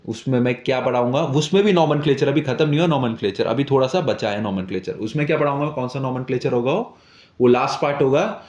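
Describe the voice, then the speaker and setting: A man's voice: mid-range voice, normal speed, darkish tone. Young male chemistry teacher, echoey room. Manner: asks questions and answers them himself, repeats "ठीक है". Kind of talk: classroom lesson explanation.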